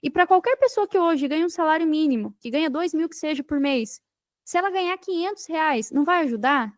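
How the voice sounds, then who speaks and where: On a podcast, a digital marketing entrepreneur with a Brazilian Portuguese accent tells her story in a conversational interview, full of emphatic repetition and rhetorical questions. Her high-pitched voice has lively intonation and moves fairly quickly. The audio is clean studio sound with no echo.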